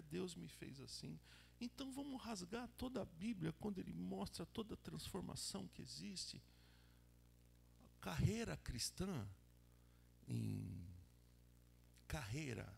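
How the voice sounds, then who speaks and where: A man with a Brazilian Portuguese accent preaching a sermon at a church service, acting out quoted lines and swinging between whispers and loud exclamations. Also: high voice, expressive, measured pace, creaky, slight background noise. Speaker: pastor.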